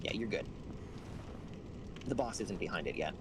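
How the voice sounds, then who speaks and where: A man casually guiding another player through a video game, giving patient, measured explanations and instructions. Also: low-pitched, expressive, very noisy. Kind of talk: casual game walkthrough chat.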